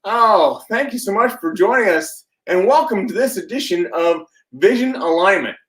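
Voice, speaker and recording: A man's voice: high-pitched, animated, moderate pace, fairly bright tone, echoey room, low-quality recording. A man hosting an online interview show, upbeat and welcoming. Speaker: show host.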